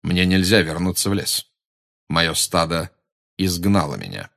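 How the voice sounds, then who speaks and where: Man voicing a centaur teacher, dignified, calm, measured, deep, storybook reading. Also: vocal fry, exaggerated voice.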